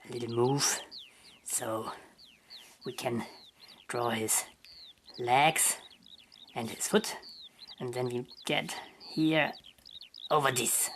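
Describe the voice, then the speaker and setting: A woman with a very deep voice narrates a drawing tutorial at an unhurried pace. She halts and hunts for words in English. She thinks aloud as she sketches, step by step. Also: steady tone, a little hiss or hum. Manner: halting, searching for words in English.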